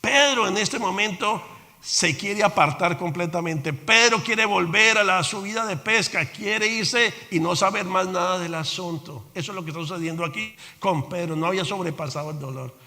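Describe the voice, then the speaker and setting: Man, pastor, from Colombia, sermon, fairly high voice, bright and forceful, long hall reverb. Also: normal speed. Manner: animated, swings between loud exclamations and quiet asides. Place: church sanctuary.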